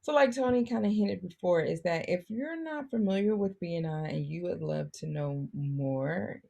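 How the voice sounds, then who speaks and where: An American woman co-host with a notably low, gravelly voice. She speaks in an upbeat, enthusiastic hosting manner, cheering on her guests and addressing viewers directly. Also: lively intonation, moderate pace, dark tone. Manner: enthusiastic, celebratory.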